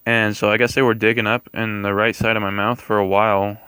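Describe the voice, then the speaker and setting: A man's voice: fairly low pitch, level tone, a little fast, pushed and bright, clear, resonant tone, no room sound. A young man telling a personal story casually, in a rambling, hesitant way, often correcting himself. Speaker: vlogger.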